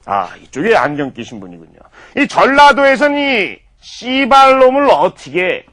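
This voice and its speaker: High bright mock-lecturing man. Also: wildly swooping pitch, moderate pace. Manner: mock-formal lecturing, peppered with profanity. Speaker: comedy lecturer.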